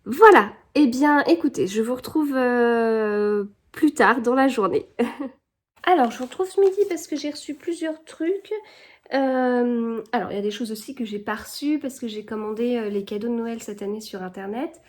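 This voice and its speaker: A woman's voice: on the high side, moderate pace. A woman chatting casually to her viewers in a home vlog, hesitant and full of fillers and restarts. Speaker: vlogger. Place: home indoors.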